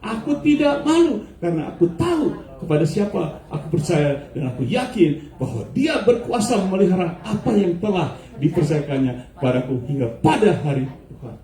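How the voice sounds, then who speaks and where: A male pastor preaching a lively sermon, switching between Indonesian and English and putting questions to the congregation. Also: high voice, moderate pace, few pauses. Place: church hall. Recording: echoey church hall, mic at a distance.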